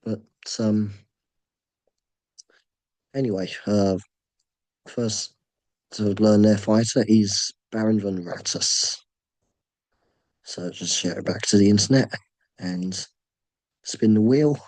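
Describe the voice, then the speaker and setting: His voice nearly gone from a sore throat, a man hosts a casual online fantasy draw from his computer, commenting over a screen share. He speaks low and haltingly in a steady, darkish tone, often pausing for ums and uhs. The sound is close and dry, with no room echo.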